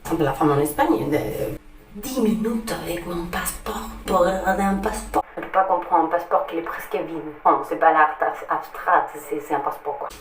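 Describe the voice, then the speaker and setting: A woman's voice: lowish voice, a little fast, distant mic. A young woman from Chile, speaking French with a Chilean Spanish accent, doing a chatty, self-mocking stand-up monologue. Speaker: comedian. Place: small bathroom at home. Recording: echoey bathroom, off-mic, faint hiss.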